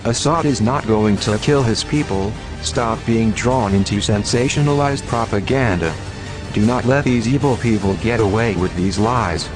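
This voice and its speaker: A man with a disguised deep voice, reading a scripted anonymous statement in a steady, declaiming way. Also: moderate pace. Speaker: anonymous narrator of an online message. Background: music.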